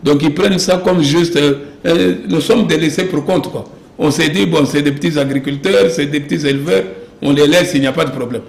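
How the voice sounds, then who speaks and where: Brisk and with few pauses, a highish male voice carries a Congolese French accent. The speaker, from DR Congo, is a political interview guest who insists on his points, repeating himself and posing rhetorical questions. The recording has a roomy echo and noticeable background noise.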